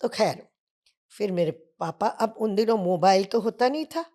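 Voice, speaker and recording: An older woman from Bengal, a dancer guest on a podcast, telling lively anecdotes in conversation and acting out other people's voices, with English phrases mixed in. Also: medium pitch, a little slow. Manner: mixes English phrases into her speech. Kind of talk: storytelling interview.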